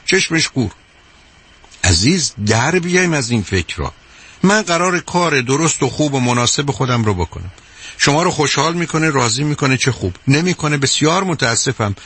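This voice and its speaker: A man's voice: medium pitch, fairly bright tone, breathy edge. A man from Iran, a psychologist hosting a call-in show, lecturing a caller emphatically and often calling her "dear". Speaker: radio psychologist host. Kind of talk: call-in advice talk.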